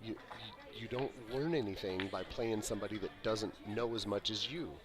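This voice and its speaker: A man co-commentating a pool match in casual chat, agreeable and quick to laugh. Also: fairly low pitch. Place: busy convention hall by a pool tournament. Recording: live event with loud crowd noise.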